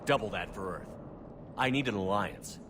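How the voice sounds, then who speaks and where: A man's voice: fairly low pitch, moderate pace, noisy background, close to an everyday voice. An actor playing a resolute, no-nonsense male military commander in a sci-fi video game. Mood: earnest, persuasive. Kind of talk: cinematic sci-fi game acting.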